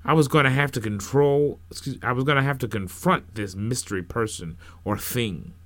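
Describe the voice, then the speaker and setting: A man narrating a first-person story in an unhurried, expressive storytelling manner. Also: medium pitch, no echo.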